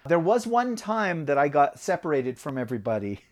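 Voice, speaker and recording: Lively American audiobook narrator. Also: mid-range voice, brisk. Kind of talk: casual podcast chat.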